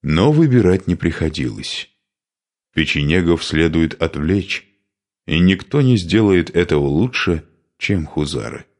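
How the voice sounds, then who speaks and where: A man narrating an audiobook in an expressive reading style. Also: deep voice, a little slow.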